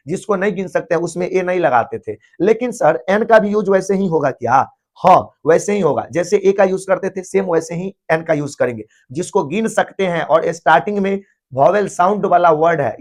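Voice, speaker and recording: Man teaching with rhetorical questions. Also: fairly high pitch. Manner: explains step by step, asks and answers his own questions; voices students' doubts. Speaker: English grammar teacher. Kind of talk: classroom-style Hindi lesson.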